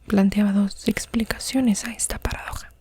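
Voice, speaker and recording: A woman whispering under her breath in a soft-spoken ASMR podcast monologue, as its host. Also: medium pitch, fairly even intonation, moderate pace.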